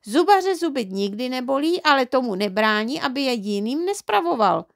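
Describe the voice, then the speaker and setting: Rozhořčená, přísná maminka se zvýšeným, ostrým hlasem, která hubuje a vyčítá, jak ji předčítá žena v audioknize. Hlas je posazený výš a hlasitěji, se zrnitým chrapotem, nahraný suše a zblízka. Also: female voice, sing-song, gravelly, no room sound, studio quality, full character voice. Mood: angry, scolding. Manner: scolding, shrill and emphatic. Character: stern, indignant mother of a small boy. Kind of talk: audiobook character reading.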